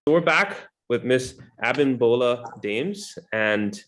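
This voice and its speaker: A man's voice: medium pitch, expressive, slow pace, music in the background. A man hosting an interview, asking long, rambling questions full of "um" and "you know" in a friendly, chatty way. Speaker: interview host. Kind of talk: casual interview chat.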